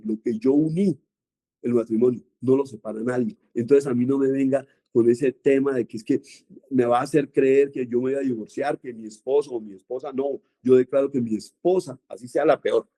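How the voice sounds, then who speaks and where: A man's voice: mid-range voice, mellow. A man preaching a sermon as a pastor, emphatic and repetitive, with a Colombian Spanish accent and many restarts.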